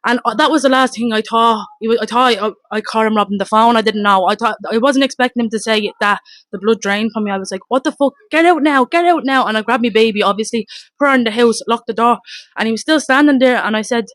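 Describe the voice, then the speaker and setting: A woman with a Dublin accent giving a blunt, rapid, emotional first-hand account, swearing and re-enacting her shouts, outdoors in front of her home. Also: a little high, steady tone, dry recording. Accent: Dublin Irish. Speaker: mother telling her story.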